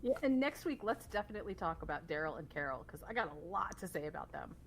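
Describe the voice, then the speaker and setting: A woman co-hosting a casual TV recap podcast, talking in an animated, analytical way with frequent restarts. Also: lowish voice, fast talker, a loud crowd, poor audio. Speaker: podcast co-host.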